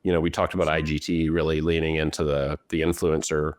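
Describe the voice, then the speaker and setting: A man's voice: extremely low pitch, completely flat delivery, brisk, dry recording. A man hosting a podcast, upbeat and enthusiastic while interviewing a guest. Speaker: podcast host.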